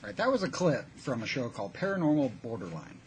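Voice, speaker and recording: A man's voice: medium pitch, very animated, fast. A man presenting in casual, unscripted, conversational talk, explaining things with a sceptical manner. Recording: noticeable background noise.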